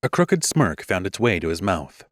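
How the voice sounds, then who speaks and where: A man narrating a fantasy audiobook slowly, with a fairly low voice that rises and falls a great deal. The recording is dry and close, with no room sound. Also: big pitch swings, no room sound.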